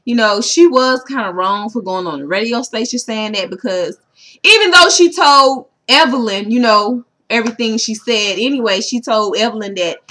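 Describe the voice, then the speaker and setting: A woman's voice: on the high side, moderate pace, pushed and bright. A woman in a casual vlog, recapping a reality show episode for her viewers and saying "you know" constantly. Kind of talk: casual chat to camera.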